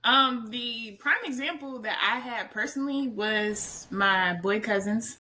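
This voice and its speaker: A young woman in her twenties with a bright, forceful tone, chatting as a guest. She speaks easily and casually, often dropping in "like" as she tells her story. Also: a little high, unhurried, slight background noise. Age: 20s. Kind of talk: casual conversation.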